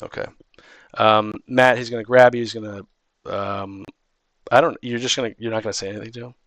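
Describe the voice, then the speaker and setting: A man running a tabletop game as dungeon master, loose and halting, often laughing between calls. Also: fairly low pitch, fairly even intonation, a bit bright, no echo.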